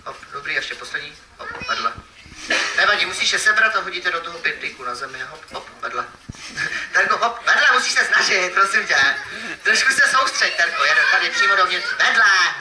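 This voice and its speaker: A man's voice: sits high, big pitch swings. A man performing as a children's magician at a live event, playfully teasing the kids and calling out to the crowd. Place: event hall with audience. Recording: echoey, distant mic, noisy ambience.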